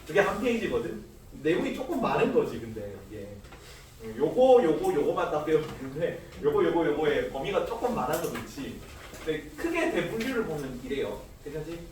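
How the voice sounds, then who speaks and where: A man's voice: a little high, a little hiss or hum. A male social studies teacher giving a casual classroom lecture, quizzing students with rhetorical questions and joking asides. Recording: very echoey room, mic far off.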